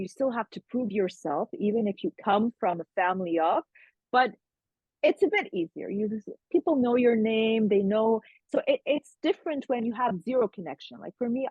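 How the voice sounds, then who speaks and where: A woman's voice: medium pitch, husky, no room sound. A woman interviewing a guest in casual conversation, talking in a chatty way with lots of fillers and restarts over a video call. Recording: tinny phone-like line, dry.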